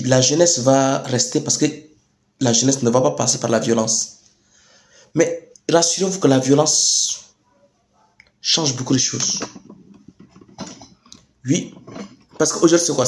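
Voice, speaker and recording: A young man with a Chadian French accent giving a rousing political address, emphatic and deliberate, with repeated phrases and rhetorical questions. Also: medium pitch, a little mellow. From Chad. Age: young adult. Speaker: youth activist speaker. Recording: echoey room sound.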